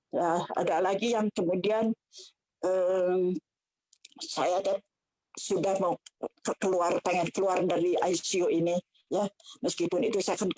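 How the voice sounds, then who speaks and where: An older woman, telling a personal church testimony in an emotional, halting way with many restarts. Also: lowish voice, darkish tone, dry recording, poor audio. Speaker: church member giving testimony.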